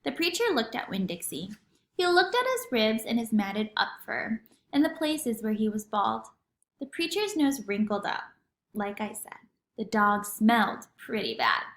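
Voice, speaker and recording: Reading a children's book aloud for a lesson, a teacher speaks in a high voice that swoops expressively through each sentence. She's animated and acts out the dialogue, going a little slowly, and the room sounds big and echoey.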